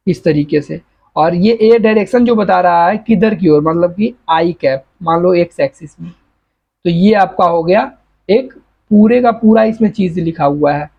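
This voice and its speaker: High-voiced man teaching physics step by step. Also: vocal fry, dull audio. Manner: explains step by step, often checks understanding; uses plain everyday examples. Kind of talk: exam-prep physics lecture in Hindi mixed with English.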